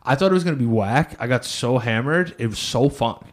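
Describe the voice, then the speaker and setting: A thirty-year-old man co-hosts a podcast, chatting casually in a blunt, crude, joking way. His medium-pitched voice is brisk with lively intonation.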